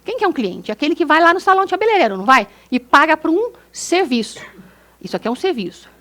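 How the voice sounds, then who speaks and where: A middle-aged woman with a São Paulo Brazilian accent lectures as a doctor, her voice sitting a little high. She moves the talk along with rhetorical questions and small acted-out examples. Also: very animated, quick pace, a bit bright. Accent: Brazilian Portuguese, São Paulo. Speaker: doctor giving a lecture on aesthetic medicine.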